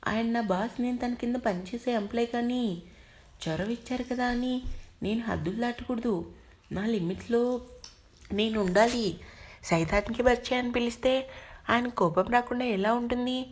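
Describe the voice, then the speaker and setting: A woman's voice: on the high side, normal speed, long pauses, natural voice. A woman voicing a feisty young woman employee who answers back sulkily. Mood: troubled.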